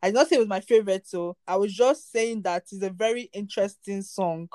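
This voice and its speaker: A woman's voice: medium pitch, brisk, warm tone, no echo, clean studio sound. A woman chatting casually as a podcast co-host, enthusiastic and exclamatory. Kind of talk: casual chat.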